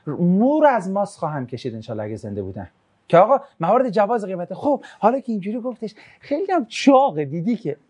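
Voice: medium pitch, sing-song, a little mellow, breathy edge. Religious teacher, chatty and jokey, reads out questions then answers them, falls into storytelling. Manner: casual, joking, reads student questions aloud then answers; shifts into storytelling when recounting a religious tradition. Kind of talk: conversational religious lesson.

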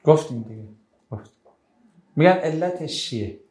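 A man's voice: a little high, expressive, a little mellow. A man giving a religious lecture to an audience. He talks animatedly, fires off rhetorical questions and answers listeners' questions.

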